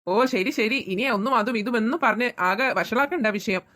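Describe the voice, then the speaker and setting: A woman playing a calm, indulgent father who soothes his quarrelling children in a family comedy sketch. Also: a little high, brisk, close to an everyday voice. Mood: soothing. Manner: soothing, placating.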